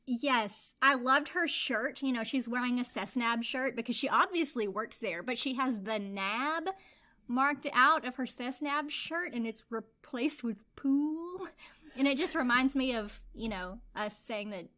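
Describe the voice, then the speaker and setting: Bright-voiced, laughing woman podcast co-host. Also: a little high, unhurried. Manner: lively, laughs often, acts out quotes. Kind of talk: casual book discussion.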